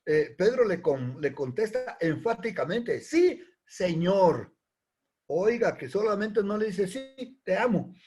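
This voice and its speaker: A man preaching a sermon, animated, acting out quoted prayers and dialogue. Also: high voice, measured pace, few pauses, lo-fi sound, soft background music.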